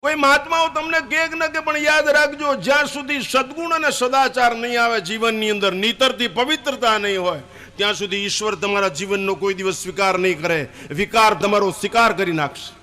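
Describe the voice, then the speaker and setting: An older man preaching a fiery sermon, emphatic and at times shouting. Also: sits high, fairly quick.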